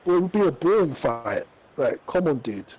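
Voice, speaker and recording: A man's voice: fairly high pitch, very animated, moderate pace, a little mellow, breathy edge. A man on a sports call-in show whose voice comes through muffled, as if from behind a wall. He talks bluntly and skeptically in casual chat. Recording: muffled, distant, dull-sounding line.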